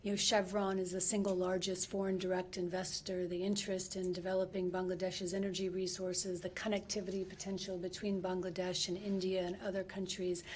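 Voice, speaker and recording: Measured woman official at a briefing. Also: on the low side, level tone, darkish tone, a little hiss or hum. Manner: measured policy talk with frequent pauses to find words. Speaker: government official at a press briefing. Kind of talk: press briefing answers.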